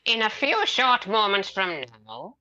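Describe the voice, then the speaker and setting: A woman's voice: mid-range voice, sing-song, unhurried, pushed and bright, dull audio, slight background noise. A woman voicing a smug, scheming male prosecutor in a fan voiceover of a game, gloating and menacing. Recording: game music behind. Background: game music.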